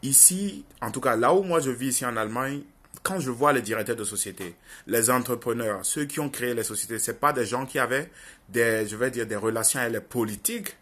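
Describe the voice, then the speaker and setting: An online video commentator, this young man speaks fairly quickly in a mid-range voice that is fairly bright with a breathy edge. His Francophone African accent comes through as he gives viewers an informal opinion monologue. He is earnest and insistent, repeating phrases for emphasis.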